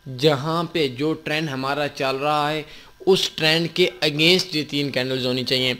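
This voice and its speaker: A man's voice: on the high side, steady tone, pushed and bright, smooth. Man explaining charts patiently. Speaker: forex trading instructor. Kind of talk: screen-recorded tutorial explanation.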